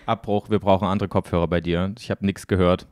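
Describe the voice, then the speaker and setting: A man's voice: low voice, level tone, a little fast, darkish tone, no echo, studio quality. A young man co-hosting a casual podcast, joking and teasing his co-host in a playful way. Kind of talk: casual chat.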